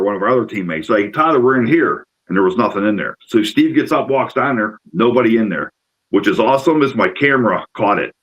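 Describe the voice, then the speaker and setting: A middle-aged man telling a rambling, excitable story as a guest in casual chat, repeating words as he goes. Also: mid-range voice, dull audio. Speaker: paranormal investigator guest.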